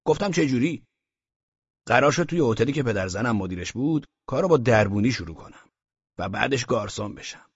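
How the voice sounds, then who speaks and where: A man's voice: medium pitch, expressive, gravelly, slightly rough, no echo, dull audio. A man doing a boastful, aggrieved storyteller. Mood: aggrieved boasting. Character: boastful talkative grown man, hotel trainee. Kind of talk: audiobook character reading.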